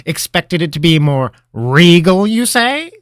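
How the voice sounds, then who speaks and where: A man voicing an eccentric old male wizard master, theatrical and mischievous, with a high, booming, cackling voice. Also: big pitch swings, unhurried, no room sound, studio quality. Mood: gleeful, theatrical. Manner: theatrical, mischievous, grand pronouncements. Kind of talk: storybook character voice.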